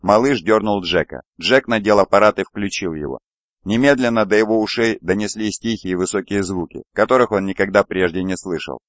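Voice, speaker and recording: A male audiobook reader narrates in a low, steady voice. The sound is dry and close, with a slightly dull, lo-fi tone. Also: brisk, no echo. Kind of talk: scripted narration.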